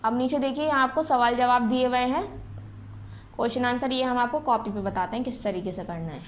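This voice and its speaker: Higher-pitched woman teaching a class. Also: fairly quick, a little hiss or hum. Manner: patient, explains step by step and asks the class questions. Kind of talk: classroom lesson.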